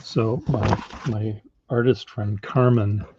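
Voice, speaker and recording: A man in his fifties hosting a casual livestream from a cluttered home studio, talking haltingly with many fillers. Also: fairly low pitch, fairly even intonation, background noise. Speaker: livestream host. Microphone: webcam on a video call. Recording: dull lo-fi, dry.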